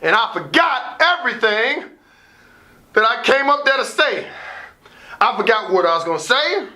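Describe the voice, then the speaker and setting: His very high, bright voice has a sing-song lilt and a forceful edge, though he keeps a normal pace. The American student athlete advisor recounts a personal story like a motivational speaker, theatrically acting out dialogue and repeating lines for emphasis.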